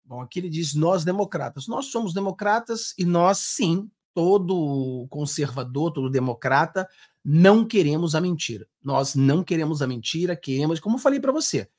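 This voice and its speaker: A man's voice: fairly high pitch, animated, normal speed, darkish tone. A man in his thirties with a Brazilian Portuguese accent, giving earnest, emphatic live commentary from a home studio on headphones. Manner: earnest, emphatic, gestures with hands. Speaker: political commentator. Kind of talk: live-stream reaction commentary. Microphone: over-ear headphones, desk mic.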